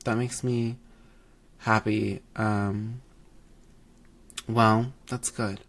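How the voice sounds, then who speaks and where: A man in his twenties, congested from allergies, co-hosting a casual podcast chat in a sassy, animated way with frequent laughter. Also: fairly low pitch, drawn-out words. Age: 20s. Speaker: podcast co-host.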